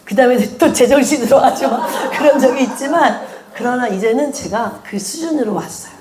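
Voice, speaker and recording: A woman's voice: sits high, a little fast, reverberant, a crowd in the background. A woman teaching a church class on prayer, telling her own story with lots of laughter and acted-out prayers. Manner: animated storytelling, laughs often, acts out prayers. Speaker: prophecy school teacher. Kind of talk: sermon-style teaching with personal testimony.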